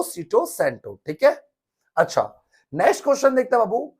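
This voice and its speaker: A man teaching an exam revision lesson, quizzing and repeating answers in a lively manner. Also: sits high.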